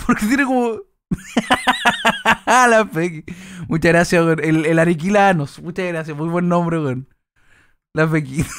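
A man's voice: high-pitched, a bit bright. A young Chilean man streaming live, chatting casually with heavy crude slang and a put-on exaggerated internet voice. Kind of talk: casual livestream reaction chat.

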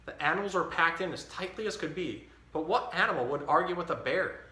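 A man in his thirties hosting a storytime, reading a children's picture book aloud with expressive, clearly enunciated delivery. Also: fairly high pitch, brisk. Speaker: storytime host. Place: indoor tiled-floor room. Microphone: camera a few feet away. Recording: echoey room.

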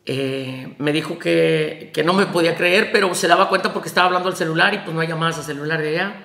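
A man with a Mexican Spanish accent tells a personal story in a casual vlog, rambling and emotional, full of fillers and restarts. His voice sits high and sounds bright and gravelly. The room around him is echoey. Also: quick pace. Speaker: vlogger telling prison release story.

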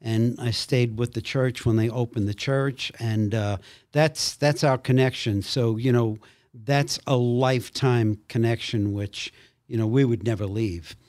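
An older man, a guest, telling animated stories in a conversation and slipping into voices. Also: mid-range voice, a little slow, no echo, clean studio sound. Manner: animated storyteller, acts out voices. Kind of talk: storytelling in a conversation.

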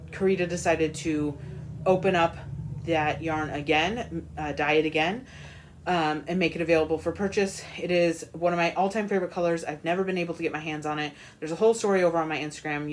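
A woman hosting a knitting podcast, chatting casually about her yarn purchases with lots of ums and restarts. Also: fairly low pitch. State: has the hiccups. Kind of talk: casual show-and-tell chat.

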